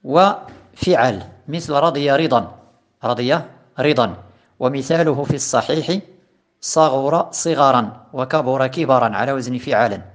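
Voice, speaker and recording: Male grammar teacher, recorded lesson; deliberate, repeats and stresses patterns. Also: medium pitch. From Morocco. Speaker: teacher of Arabic morphology.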